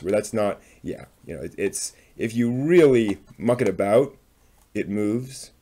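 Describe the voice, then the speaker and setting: Muttering tentatively while working, this man walks through a craft demonstration in a lowish, warm voice and a casual manner. Clicking and other background noise are clearly audible.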